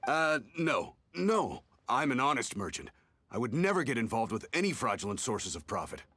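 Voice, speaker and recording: An actor playing a nervous, shifty merchant in a game who stammers and gets defensive. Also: male voice, mid-range voice, big pitch swings, normal speed, bright, forceful tone, no room sound. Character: nervous, shifty middle-aged male merchant.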